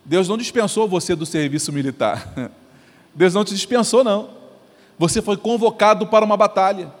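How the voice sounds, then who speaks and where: A man preaching an animated sermon as pastor, acting out voices as he goes. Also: high voice, moderate pace. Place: church sanctuary. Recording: long church reverb.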